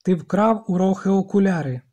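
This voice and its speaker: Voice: mid-range voice, expressive, moderate pace, close to an everyday voice. A reader doing Ralph, a firm boy leader. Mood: angry. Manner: loud, emphatic declarations.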